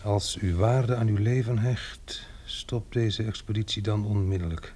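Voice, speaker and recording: An actor playing a brave young man in a radio drama, calm and reassuring under pressure. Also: lowish voice, measured pace, slight background noise, lightly acted. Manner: reassuring, commanding.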